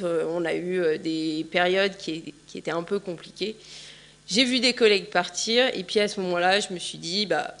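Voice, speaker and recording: A woman's voice: medium pitch, fairly bright tone. A woman in her forties giving a conference talk in a large hall, chatty and full of fillers. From France. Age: 40s. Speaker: conference speaker.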